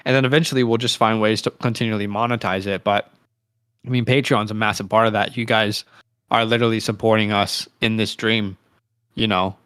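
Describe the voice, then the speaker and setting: Co-hosting a fantasy football show, this late-twenties man keeps it casual, full of slang and friendly banter. His voice is fairly low and fairly bright, a little fast with fairly even intonation, in a dry, clean studio recording.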